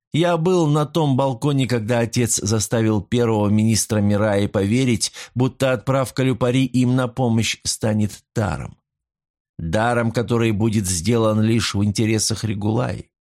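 A man narrating a first-person literary novel as an audiobook, reading in an even, steady manner. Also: fairly low pitch.

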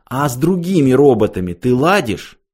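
A man's voice: medium pitch, big pitch swings, moderate pace, darkish tone, husky. A man reading aloud voices an earnest young man stranded far from home, who speaks eagerly and with wistful sighs.

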